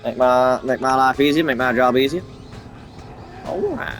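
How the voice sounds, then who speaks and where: A man's voice: mid-range voice, fairly even intonation, fairly quick, a bit bright, soft background music. Rambling, swearing gamer guy. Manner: rambling, swears freely, restarts often. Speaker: gamer playing on camera. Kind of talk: casual gameplay commentary.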